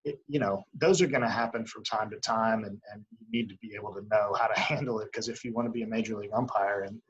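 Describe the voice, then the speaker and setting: A young man in a casual interview as an umpire, talking in a rambling, halting way full of filler phrases. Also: fairly low pitch, husky, dull audio. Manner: rambling, halting, frequent "you know". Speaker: baseball umpire as interview guest. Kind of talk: casual chat.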